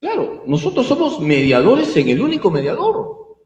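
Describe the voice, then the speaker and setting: A priest teaching a catechism class in a lively, swooping voice. His speech is fairly high for a man and asks questions only to answer them himself. The sound is roomy, with a long hall reverb trailing behind each phrase. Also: normal speed, dull audio. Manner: animated, rhetorical questions and answers.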